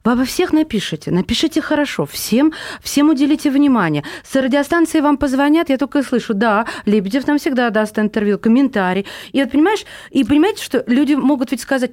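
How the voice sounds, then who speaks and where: A woman radio host asking a guest questions in a lively, inquisitive way in a studio. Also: high voice, quick pace, hardly any pauses, no room sound. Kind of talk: interview talk.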